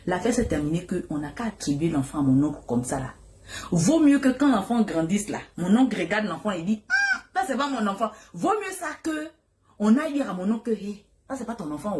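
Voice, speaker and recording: Young woman, lively pitch, chatty dramatic storyteller. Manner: animated, dramatic retelling with exclamations. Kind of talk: casual family storytelling to viewers.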